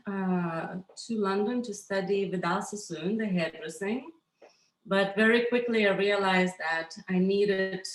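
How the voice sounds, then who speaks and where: Woman, from Lithuania, interview guest, slow unhurried speech, hesitant with fillers, roomy echo. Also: mid-range voice. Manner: hesitant, many fillers and restarts, soft laughs. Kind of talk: casual interview.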